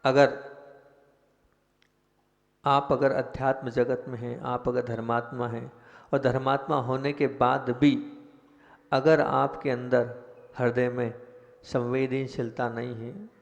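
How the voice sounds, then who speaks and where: A man giving a sermon as a monk, slow and deliberate, putting rhetorical questions to his listeners. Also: medium pitch, level tone, vocal fry, long reverb tail, highs cut off. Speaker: Jain monk preacher.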